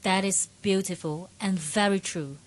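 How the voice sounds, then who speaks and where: A woman's voice: mid-range voice, measured pace. A woman from Malaysia hosting a radio program, reading upbeat scripted links. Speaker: radio host.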